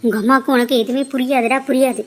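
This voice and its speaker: A woman's voice: sits high, fairly even intonation, quick pace. A woman voicing a middle-aged mother who angrily defends her daughter. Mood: angry. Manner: forceful, accusing.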